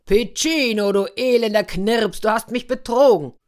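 A woman voicing a gruff, greedy and dim-witted male ogre in a children's fairy tale, bellowing loudly. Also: mid-range voice, animated, moderate pace, lightly acted. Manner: bellowing and loud.

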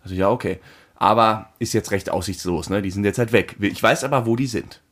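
A man in casual chat, telling an animated story and acting out the phone calls in it. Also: lowish voice, fairly quick.

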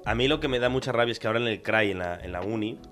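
A young man co-hosting a casual chat, speaking loudly and emphatically as he tells rapid stories. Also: lowish voice, soft background music. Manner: loud, emphatic, rapid storytelling. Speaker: podcast co-host.

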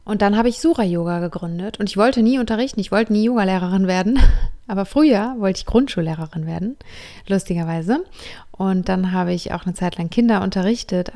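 A woman's voice: on the low side, a little fast, dark tone. A woman in her thirties, a yoga teacher hosting her own podcast, telling her life story in a heartfelt, enthusiastic way and sprinkling in English words. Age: 30s. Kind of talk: personal storytelling monologue.

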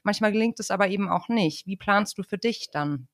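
A woman hosting an interview podcast, asking quick questions and reacting with lively praise. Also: mid-range voice, no room sound, studio quality. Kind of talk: casual interview talk.

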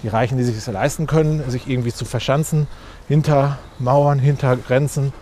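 A man's voice: medium pitch, steady tone, moderate pace, warm tone, a little hiss or hum. A man, answering interview questions outdoors with many fillers and restarts. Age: 40s. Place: outdoors on a street.

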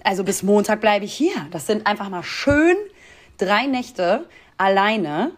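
A woman's voice: medium pitch, lively intonation, a little slow. Chatty jokey German woman podcaster. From Hamburg, Germany. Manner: chatty, jokey, laughs often. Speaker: podcast co-host. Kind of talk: casual chat. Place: rented room on holiday.

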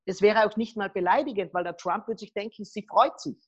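A middle-aged woman speaking as a guest expert on body language, telling lively stories full of acted quotes. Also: mid-range voice, a little fast, breathy edge, dull audio. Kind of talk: podcast interview.

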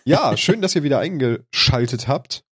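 A man's voice: mid-range voice, animated, normal speed, a bit bright, breathy edge, no echo, studio quality. Congested, nasal man hosting a podcast. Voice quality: congested, stuffy nasal voice from a cold. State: snotty with a cold. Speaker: podcast host. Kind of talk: casual podcast talk.

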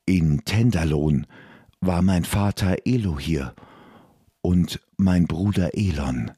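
A man's voice: low voice, slow pace, warm tone, breathy edge, dry recording, studio quality, full character voice. A man voicing a distraught young elf woman who speaks with urgent resolve. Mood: resolute.

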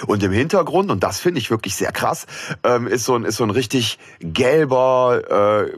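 A man's voice: mid-range voice, animated, moderate pace, slightly rough, no echo. A man co-hosting a casual podcast chat, hesitant and full of fillers and restarts. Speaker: podcast co-host.

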